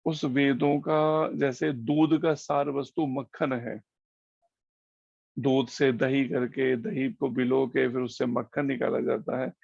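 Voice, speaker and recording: A man's voice: medium pitch, flat delivery, creaky, a little mellow, dry recording. Man, preacher, devotional scripture class, dry close sound, dull lo-fi call audio, explanatory manner. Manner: slow, explanatory, with homely examples.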